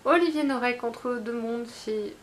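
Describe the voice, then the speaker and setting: A woman's voice: fairly high pitch, unhurried, a little hiss or hum. A woman chatting casually about her book haul, talking in a hesitant way with many fillers and restarts. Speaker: book vlogger.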